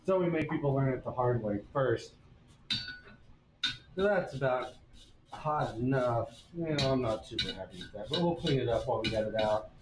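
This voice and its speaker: A man's voice: medium pitch, animated, moderate pace, roomy sound, background noise. A man teaching blacksmithing on a live stream, explaining each step in a folksy, casual way. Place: forge workshop.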